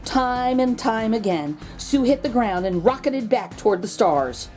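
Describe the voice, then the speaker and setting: Animated, higher-pitched woman reading a storybook. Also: measured pace, faint music behind. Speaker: host reading a children's picture book aloud. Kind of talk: animated storybook read-aloud for children.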